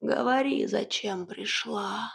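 A woman voicing a stern, dying old witch with a hoarse, mumbling voice, speaking slowly and heavily. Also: mid-range voice, a bit bright, exaggerated voice. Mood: commanding. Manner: slow, heavy and commanding.

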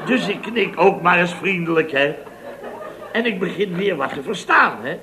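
An actor playing a jovial man who retells a mishap in an animated, chuckling way, in 1960s radio comedy acting. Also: high-pitched, moderate pace, a crowd in the background. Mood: amused. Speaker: worker at a building firm.

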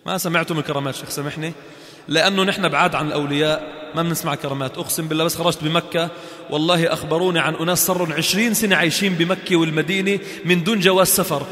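Man, sheikh's mosque lesson, fast talk, echoey hall reverb. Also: on the high side. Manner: animated, quotes scripture and banters with students. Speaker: sheikh teaching a creed class. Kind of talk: mosque study-circle lesson.

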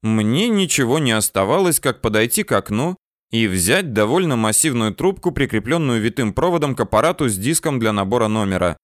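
A man reading a first-person novel aloud as an audiobook narrator, steady and even. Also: mid-range voice, fairly quick, no room sound, clean studio sound.

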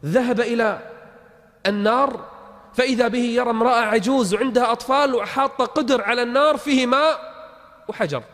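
A man preaches, his voice sitting high. He tells his stories dramatically, falling quiet and then rising to a shout. A long reverb trails after each phrase, as in a big hall. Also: fairly quick, pauses often. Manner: dramatic, swings between hushed and shouted. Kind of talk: storytelling sermon.

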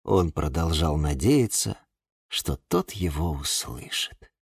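A man narrating a children's storybook in a lively, expressive way. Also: extremely low pitch, takes it slowly, slightly rough, dry recording, studio quality.

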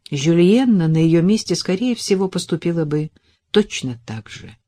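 A woman narrating a romance novel as an audiobook in a measured, unhurried reading. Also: lowish voice, animated, warm tone, dry recording, clean studio sound.

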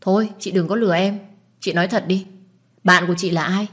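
A woman's voice: fairly low pitch, fairly even intonation, fairly bright tone, slightly rough. A woman voicing a nosy, blunt young woman who pesters and scolds in an audiobook. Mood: pushy. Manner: pushy, quick to scold. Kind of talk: audiobook dialogue.

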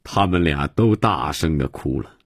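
Male radio storyteller, deep, husky voice, unhurried, dry close sound. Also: animated, no room sound. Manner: measured, dramatic narration.

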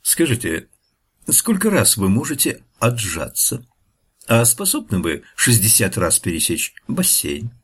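A vain old film star with a youthful body taunts and needles in a low, husky voice that swings widely in pitch, as a man reads him aloud. Faint music sits beneath the storybook reading. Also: wildly swooping pitch, a little slow, heavily acted. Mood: taunting. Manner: mocking, taunting.

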